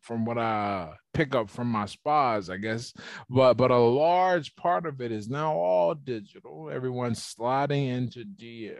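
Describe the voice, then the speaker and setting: A man speaks as a guest on a video-call podcast, working through his points in a loose, casual way. His voice sits at an ordinary middle pitch. The sound is dry and close, with little room. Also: a little slow, vocal fry, no room sound. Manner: explains ideas at length, casual. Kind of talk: casual conversational interview.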